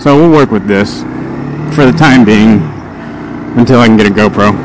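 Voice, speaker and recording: A man's voice: on the low side, normal speed. A man talking casually from inside a motorcycle helmet as he rides, vlogging in a rambling, slightly distracted way. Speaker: motovlogger. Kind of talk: casual vlog monologue while riding a motorcycle. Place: outdoors, riding a motorcycle in traffic. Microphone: microphone inside a motorcycle helmet. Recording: inside a helmet, loud road and engine noise. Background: loud traffic, vehicle and wind noise.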